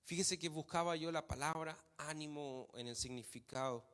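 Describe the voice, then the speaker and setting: A man's voice: fairly high pitch, moderate pace, fairly bright tone. A man preaching a sermon in a church hall, emphatic, repeating phrases for stress. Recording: long hall reverb.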